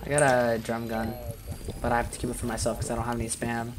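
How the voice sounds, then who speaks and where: A teenage boy streaming a video game, chatting in a rambling, excitable way with a friend and his chat. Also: medium pitch, quick pace. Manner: excitable, rambling gamer banter. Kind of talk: casual gaming stream chat. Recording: noisy home gaming stream.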